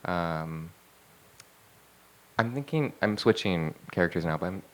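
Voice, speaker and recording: A man's voice: low voice, lively intonation, a little slow. A man co-hosting a podcast in casual chat, rambling and chatty with lots of fillers. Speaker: podcast co-host.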